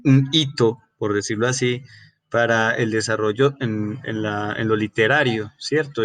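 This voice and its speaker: A man's voice: lowish voice, a bit bright, no room sound. A man with a Colombian accent teaching a class, explaining step by step with many fillers and restarts and checking with his students as he goes. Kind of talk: recorded class lecture.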